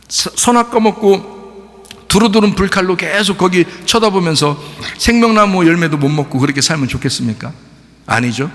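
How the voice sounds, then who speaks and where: A middle-aged male pastor preaching a sermon in a folksy, animated way, acting out quotes with laughter. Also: mid-range voice. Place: large church hall. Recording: reverberant church hall.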